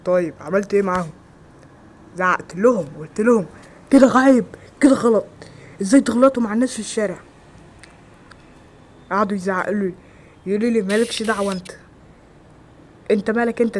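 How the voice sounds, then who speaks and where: A man with an Egyptian Arabic accent acting several everyday roles in a homemade skit, with quick, exclamatory lines. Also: high-pitched, a little hiss or hum, lightly acted. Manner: quick, loud, exclamatory dialogue. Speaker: amateur actor.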